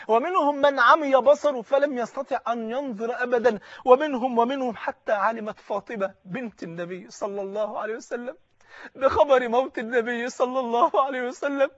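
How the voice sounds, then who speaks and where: Male preacher, high and fervent, repeating lines like a chant; muffled, dry recording. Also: no echo. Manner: impassioned, chanting repeated refrains. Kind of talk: emotional sermon storytelling.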